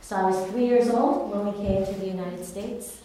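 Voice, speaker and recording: Picked up by a distant mic in a very echoey room with faint noise, a Taiwan-born woman raised in California gives an earnest personal testimony, telling her story candidly. Her medium-pitched voice is mellow and steady at a moderate pace.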